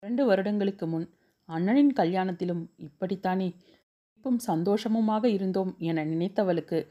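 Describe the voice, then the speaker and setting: A woman's voice: mid-range voice, moderate pace, warm tone, muffled recording. A woman reading a novel aloud as an audiobook, giving the characters' dialogue small voice shifts. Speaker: storyteller.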